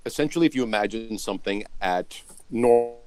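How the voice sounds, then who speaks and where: A low-pitched man talks through a physics point on a video call. His connection is failing, so the audio breaks up and drops in and out, and he speaks in halting, explanatory fragments. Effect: choppy, breaking-up online call audio. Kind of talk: casual online panel chat.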